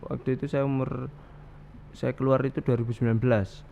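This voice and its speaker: A man's voice: medium pitch, little pitch movement, brisk, creaky, dark tone. A man, a guest recounting his life at length, with many restarts and fillers. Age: 30s. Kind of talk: casual interview. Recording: dull, slightly noisy studio audio.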